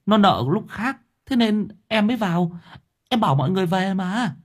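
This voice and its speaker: A man's voice: sits high, expressive, normal speed, husky, pitched above the performer's own voice. A man voicing a nervous young man who protests in a flustered, raised voice. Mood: protesting.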